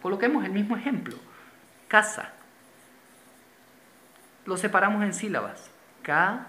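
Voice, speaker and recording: Man, grammar teacher, slow patient delivery with repeated terms, echoey room. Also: high-pitched, animated, bright, forceful tone. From Venezuela. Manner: patient, repeats key terms, points at a board. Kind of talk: classroom-style grammar lesson. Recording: roomy echo.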